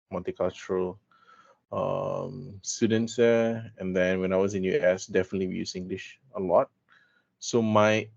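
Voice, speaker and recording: Man, 30, gravelly low voice, halting with fillers, lo-fi sound. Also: a little mellow. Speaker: interviewee, blockchain worker. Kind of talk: casual interview answers. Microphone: headset with studio mic.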